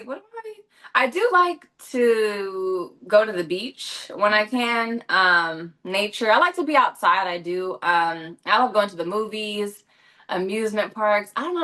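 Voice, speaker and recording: Her mid-range voice is bright and forceful as she answers interview questions in a chatty manner, with plenty of fillers and self-corrections. She's a young adult actress and guest from Los Angeles.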